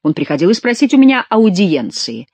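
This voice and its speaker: A woman's voice: medium pitch, sing-song, a little fast, a little mellow, no echo. A woman voicing a weary, anxious French king who pleads and insists. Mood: plaintive.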